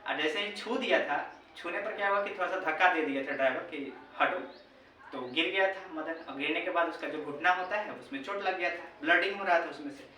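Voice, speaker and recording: A man's voice: on the high side, a little fast, sharp tone. A male teacher, retelling a story to students in a chatty way, repeating himself and checking in with his listeners. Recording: very echoey room, voice far from mic, faint background noise.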